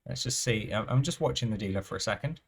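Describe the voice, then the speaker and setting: A man giving thinking-aloud commentary over live roulette play, musing and unhurried, often trailing off and restarting his phrases. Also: mid-range voice, lively intonation, gravelly, slightly rough. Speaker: roulette strategy presenter.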